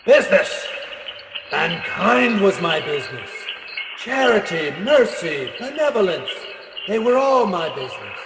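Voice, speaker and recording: A man's voice: high voice, very animated, a little slow, vocal fry, noisy background, exaggerated voice. A man playing the mournful, remorseful ghost of a businessman in a radio play, speaking in a solemn, declamatory manner. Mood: anguished. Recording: long echoing reverb, music underneath.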